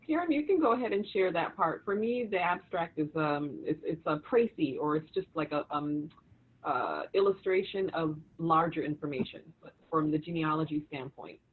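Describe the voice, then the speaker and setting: A woman's voice: deep voice, animated, normal speed, breathy edge. A woman co-hosting a livestream, telling her family research story with many restarts over a video call. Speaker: co-host and author. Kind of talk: casual livestream conversation. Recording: tinny phone-like video call audio.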